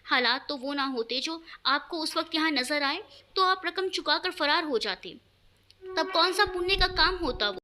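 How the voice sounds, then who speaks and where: A woman's voice: high-pitched, animated, moderate pace, sharp tone. A woman voicing a grieving young bride in a storybook reading, speaking sharply and reproachfully.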